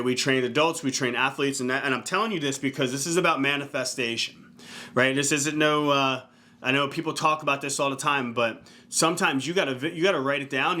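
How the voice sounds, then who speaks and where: A man in his thirties with a bright, clear-cut voice gives an earnest motivational talk as a fitness coach. He speaks casually and keeps tossing in "right?" to pull the listener along. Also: mid-range voice. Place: indoor room.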